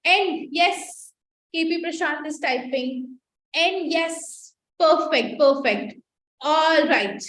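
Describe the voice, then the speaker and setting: A young woman teaching a live online class on communication skills, emphatic and repetitive as she coaxes her students to answer in the chat. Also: high-pitched. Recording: echoey room with faint noise.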